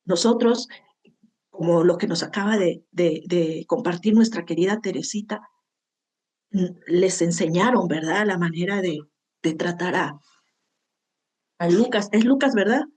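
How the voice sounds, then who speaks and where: A woman's voice: fairly low pitch, a little slow, pauses often, a little mellow, husky. A woman giving heartfelt Bible teaching to a women's group, often asking "¿verdad?". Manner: heartfelt, tags lines with "¿verdad?".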